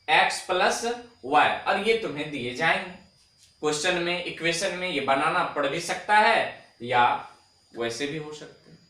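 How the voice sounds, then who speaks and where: A man teaching a chemistry lecture on video, dictating definitions slowly and repeating them word by word. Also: sits high, bright, forceful tone, echoey room, distant mic, rough recording.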